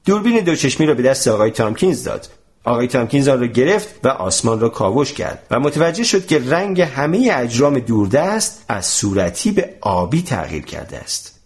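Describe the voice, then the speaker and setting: A man narrating a storybook in an expressive, animated way. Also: medium pitch. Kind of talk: storybook reading.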